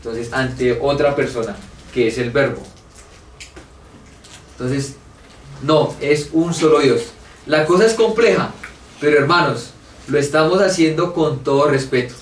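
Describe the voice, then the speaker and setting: A man's voice: mid-range voice, unhurried, pauses often. Man teaching theology in an echoey room. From Colombia. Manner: earnest, thinking aloud, acts out both sides of a debate. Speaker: Bible study teacher. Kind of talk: church theology class. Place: church meeting room. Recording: echoey room from far off, faint hiss.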